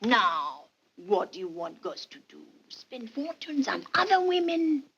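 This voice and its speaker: An actress in 1940s studio film acting, playing a brash, teasing society matriarch, heard on a dull old film soundtrack. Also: female voice, fairly high pitch, sing-song, unhurried, fairly bright tone, exaggerated voice.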